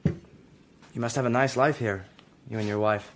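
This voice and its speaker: In naturalistic radio drama dialogue, this actor with an American accent portrays a teenage boy who is guarded, courteous, uneasy and deferential. His medium-pitched delivery is fairly even, a little slow and close to everyday speech, with clearly noisy ambience behind it.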